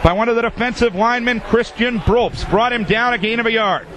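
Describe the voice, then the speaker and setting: A man's voice: very high voice, fairly quick, a crowd in the background. An American man giving live football play-by-play in clipped, telegraphic phrases. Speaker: play-by-play sports announcer. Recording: clear noise behind voice.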